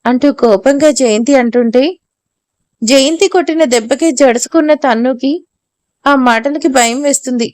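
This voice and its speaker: A woman narrates a scripted audio love story in a steady reading voice. Her pitch sits high, and the close recording is dry, with no room sound. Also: normal speed, dry recording. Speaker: voice-over narrator.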